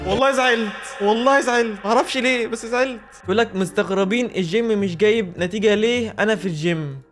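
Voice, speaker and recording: A young man with an Egyptian Arabic accent reacting to clips with lively, laughing casual commentary over background music. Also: high-pitched, fast, background noise. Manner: lively, laughing, swears often. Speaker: reaction video host.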